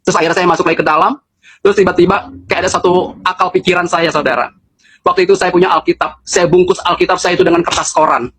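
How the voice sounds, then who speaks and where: Fast-talking man telling a personal testimony. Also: high voice, steady tone, a bit bright, slight background noise. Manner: earnest and conversational, often addressing listeners as brothers and sisters; casual spoken fillers throughout. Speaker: person giving a religious testimony.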